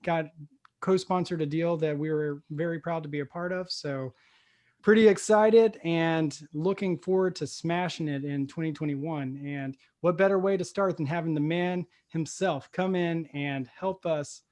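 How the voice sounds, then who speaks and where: An upbeat man hosts an investor meetup, running through his goals before he introduces the guest. He pauses often with small fillers as he speaks. His voice is a little higher than most men's. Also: a little mellow. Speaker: meetup host.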